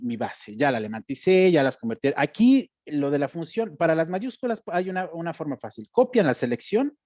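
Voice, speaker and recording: A man's voice: a little high, mellow, dry recording, clean studio sound. A man, teaching a step-by-step screen-share lesson and checking in with his students as he goes. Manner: explanatory, addressing students directly with check-in questions. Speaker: instructor. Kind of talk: screen-share tutorial lecture.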